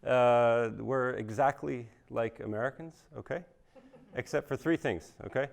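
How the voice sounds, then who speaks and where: A middle-aged man from Canada working a live crowd with dry, self-mocking stand-up. He speaks into a handheld stage mic in a museum hall. When he impersonates others, his voice jumps into a high, squeaky register. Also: unhurried, creaky. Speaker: stand-up comedian.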